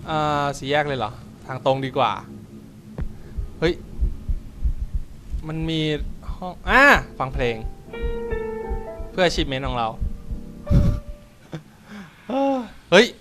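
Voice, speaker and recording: A man's voice: fairly high pitch, big pitch swings, extremely slow, pauses often, a bit bright, faint music behind. Jumpy young man narrating a horror game. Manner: chatty, jokey, swears casually, yelps when startled. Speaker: gaming channel host. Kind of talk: let's play commentary.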